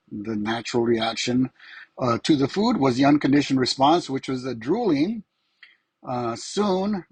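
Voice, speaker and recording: Husky teacher man losing his voice. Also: mid-range voice, dry recording, rough recording. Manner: casual, repeats "right?" to check understanding. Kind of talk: classroom lecture.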